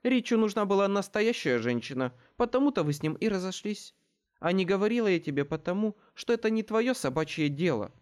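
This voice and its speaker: A cocky, sneering younger sister talks back in a raised, lively voice, as a man reading a storybook puts her on. She sounds proud, spoiled and out to provoke. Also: high voice, fairly quick, clear, resonant tone, pitched above the performer's own voice. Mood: defiant. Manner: defiant, insulting.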